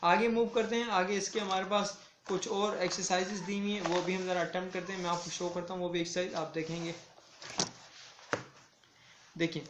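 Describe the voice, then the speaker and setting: Male schoolteacher, fairly high voice, slow deliberate drilling of words; echoey room. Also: little pitch movement, background noise. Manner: slow, deliberate word-by-word reading and repetition. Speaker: school English teacher. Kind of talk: online classroom lesson.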